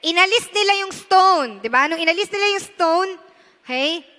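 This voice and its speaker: Bright, high-voiced Filipino woman preaching. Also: animated, normal speed. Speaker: pastor. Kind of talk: sermon. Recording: long reverb of a large hall.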